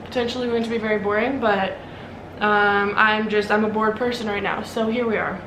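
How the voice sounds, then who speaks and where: A woman's voice: medium pitch, fairly even intonation, brisk. A woman in her early twenties with an American accent, chatting casually and a bit ramblingly as she answers questions about herself in a vlog. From Omaha, Nebraska, United States. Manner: informal, rambling, frequent "like". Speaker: vlogger. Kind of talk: casual get-to-know-me Q&A vlog. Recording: roomy echo, clear background noise.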